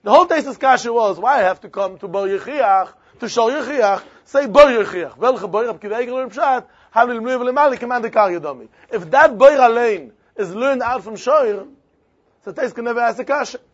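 High-pitched man teaching with a Yiddish accent. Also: expressive, fairly quick, breathy edge. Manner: argumentative, firing repeated rhetorical questions. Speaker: Talmud teacher. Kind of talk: interactive Talmud lecture in yeshiva idiom. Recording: dull lo-fi recording.

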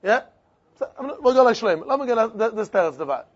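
High-pitched man teaching with a Yiddish accent. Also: very animated, very fast, slightly rough. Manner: argumentative, firing repeated rhetorical questions. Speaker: Talmud teacher. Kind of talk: interactive Talmud lecture in yeshiva idiom. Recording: dull lo-fi recording.

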